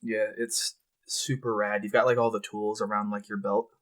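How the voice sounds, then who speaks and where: Guy cohosting a podcast, kinda low voice, super relaxed, swears a lot. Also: normal speed. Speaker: podcast co-host. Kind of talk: casual chat.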